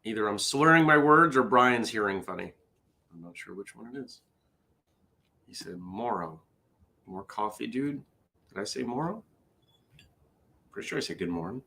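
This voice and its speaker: A man's voice: mid-range voice, animated, normal speed, vocal fry, long pauses, sharp tone, a little hiss or hum. Tired, chatty morning-show host man. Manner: tired, chatty, reads out viewer comments. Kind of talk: casual morning livestream chat.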